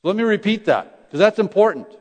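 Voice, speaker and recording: A man's voice: high-pitched, lively intonation, a little fast, darkish tone. A man preaching a sermon, repeating phrases for emphasis and sometimes restarting his words. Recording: long hall reverb.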